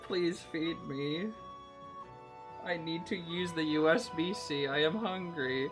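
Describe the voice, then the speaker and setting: A woman's voice: low-pitched, takes it slowly, music in the background. A woman putting on a joking robot voice, playing a hungry machine that wants to be charged. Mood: deadpan.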